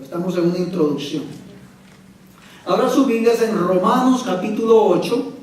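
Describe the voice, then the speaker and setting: High-voiced pastor preaching in an echoey hall. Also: male voice, moderate pace, darkish tone, a little hiss or hum. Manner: emphatic, asks the congregation questions. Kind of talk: sermon. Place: church sanctuary. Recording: echoey church hall from far off.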